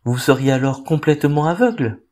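Voix d'un oisillon de conte, un homme la prenant nettement plus haut que sa voix habituelle, au débit vif et à l'accent tendre. Le ton est suppliant, affectueux et un peu naïf. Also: male voice, a little high, expressive, brisk, a little mellow, pitched above the performer's own voice, close to an everyday voice. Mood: pleading. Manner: pleading, tender. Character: gentle, soft-hearted little male sparrow bird.

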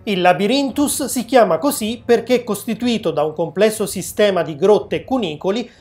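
A woman narrating a travel vlog in a calm, informative tour-guide manner. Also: mid-range voice, normal speed, faint music behind. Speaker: travel vlogger.

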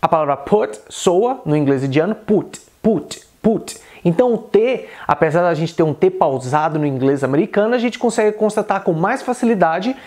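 A man's voice: sits high, a little mellow. Methodical Brazilian man teaching pronunciation. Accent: Brazilian Portuguese. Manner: methodical, repeats each example word slowly. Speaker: English teacher. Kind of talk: recorded pronunciation lesson.

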